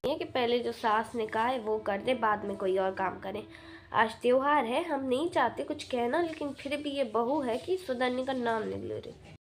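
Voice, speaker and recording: A woman playing a harried mother and daughter-in-law in a comic family skit, grumbling about chores. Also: high-pitched. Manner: grumbling, fussing over chores.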